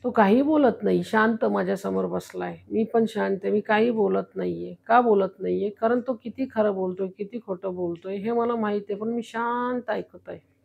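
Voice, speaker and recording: A woman's voice: mid-range voice, normal speed, vocal fry, breathy edge, highs cut off. A woman spiritual guru giving a devotional talk, recounting a counseling case in a stern, preachy storytelling manner.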